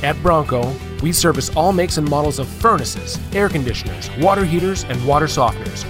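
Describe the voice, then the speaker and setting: Male announcer for a scripted spot, somewhat high voice, guitar bed. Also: fairly quick. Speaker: commercial announcer. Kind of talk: scripted ad read.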